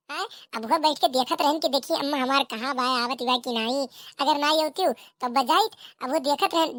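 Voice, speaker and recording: A woman's voice: high-pitched, fairly bright tone, dry recording, clean studio sound. A woman with an Awadhi accent voicing a short-tempered village mother in a cartoon comedy, nagging and repeating her rebukes.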